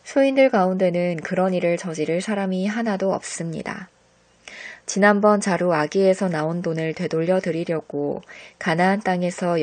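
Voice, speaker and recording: Female scripture reader, lowish voice, calm and measured devotional delivery. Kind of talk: devotional Bible reading.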